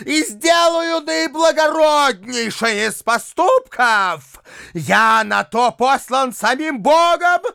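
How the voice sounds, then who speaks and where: A man voicing a pompous, self-righteous male household tyrant in an audiobook, haughty and preachy, his voice turning shrill and shrieking. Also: sing-song, takes it slowly, no echo, clean studio sound, exaggerated voice. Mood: shrieking fury. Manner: haughty, preachy, bursts into fury. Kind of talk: audiobook character reading.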